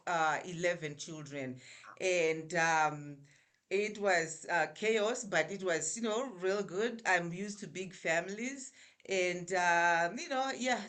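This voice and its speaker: A woman's voice: fairly low pitch, a bit bright. A middle-aged woman with a Zimbabwean accent, a guest telling her story in a casual interview over a remote call, full of fillers and restarts. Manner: chatty, with many fillers and restarts.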